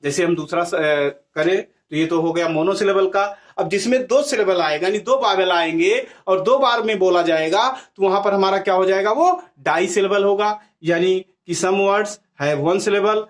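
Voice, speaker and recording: High-voiced man teaching a grammar class. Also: unhurried, few pauses. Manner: asks questions and answers them himself, repeating key words.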